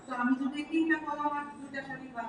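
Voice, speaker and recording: Distant high-voiced female student, echoey. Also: fairly even intonation, quick pace. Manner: asking the teacher a question. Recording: distant, echoey, faint room noise.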